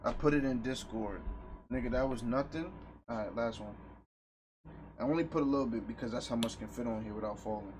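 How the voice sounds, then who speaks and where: A man streaming live from home, talking loudly and crudely to his chat with lots of swearing. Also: medium pitch, a little fast, slight background noise. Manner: loud, crude and profane, reacting to chat. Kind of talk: casual live stream talk.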